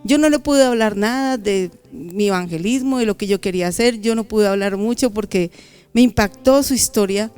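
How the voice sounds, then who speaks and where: A middle-aged woman giving a testimony sermon at a church convention, telling her story with lively acted-out dialogue. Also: medium pitch, moderate pace, clean tone, soft background music. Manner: animated storytelling, acting out dialogue.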